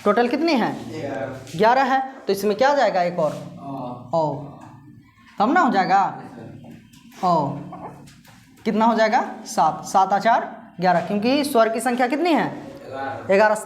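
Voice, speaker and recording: A woman teaching a Hindi grammar lesson who asks her class questions, answers them herself and slowly repeats the key terms. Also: medium pitch, animated, roomy sound, slight background noise.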